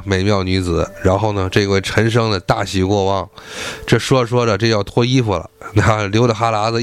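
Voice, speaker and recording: A man retelling a classic folk tale in a colloquial, rambling way with jokey asides. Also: lowish voice. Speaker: storyteller.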